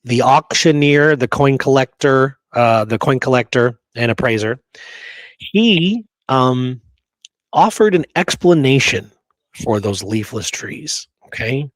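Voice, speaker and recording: Rhetorical check-ins like "right?" and "okay?" punctuate this co-host's emphatic speech in a casual podcast discussion. His medium-pitched voice has lively intonation and an unhurried pace, with no room sound.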